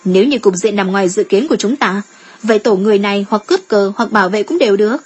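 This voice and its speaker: A woman voicing a calm, shrewd female guild strategist in a measured, reasoning tone. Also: mid-range voice, slightly rough, close to an everyday voice.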